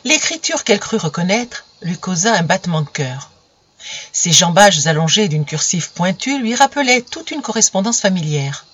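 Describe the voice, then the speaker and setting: A narrator giving a measured, literary audiobook reading of a novel. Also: mid-range voice, big pitch swings, a bit bright, slightly rough, no echo, highs cut off.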